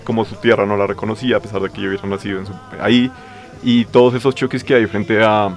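A man's voice: lowish voice, little pitch movement, quick pace, soft background music. A man in a casual talk show, speaking in a laid-back, slangy way. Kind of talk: casual literary discussion.

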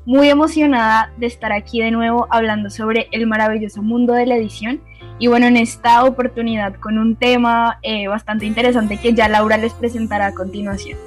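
A woman panelist on a radio show, speaking warmly with hesitant fillers. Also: fairly high pitch, fairly even intonation, brisk, faint music behind. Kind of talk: radio chat.

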